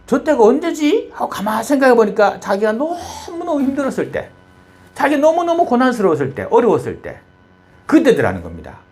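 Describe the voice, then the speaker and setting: A male pastor delivers a sermon with a lively, swinging pitch, moving between quiet, low stretches and bright, raised exclamations. He tells a story with rhetorical questions, and faint music plays underneath. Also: brisk.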